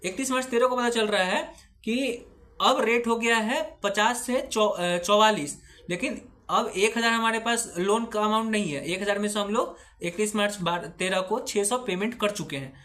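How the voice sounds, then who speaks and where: A man's voice: high voice, normal speed, fairly bright tone. A man giving a recorded accounting lecture who patiently asks questions and answers them himself, mixing English terms into his speech.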